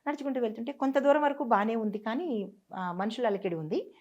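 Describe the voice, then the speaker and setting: A woman guest telling a personal story in a conversation, earnest and halting, restarting and repeating herself. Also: fairly high pitch, expressive, darkish tone. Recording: dull lo-fi sound.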